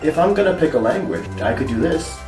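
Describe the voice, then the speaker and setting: A man with an American accent, a guest in a casual interview who talks in a relaxed, chatty way and laughs easily. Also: a little high, fast talker, recorded from a distance. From United States. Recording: roomy echo with music behind.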